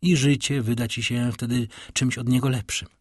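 A man's voice: mid-range voice, fairly even intonation, moderate pace, a little mellow, husky, no echo, studio quality, natural voice. A man reading as a grave, tender count. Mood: solemn. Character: noble middle-aged count, calm, grave and tender.

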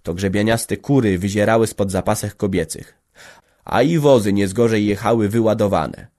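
Reading a classic novel aloud as an audiobook, a man with a fairly low voice narrates in a measured, even storytelling style.

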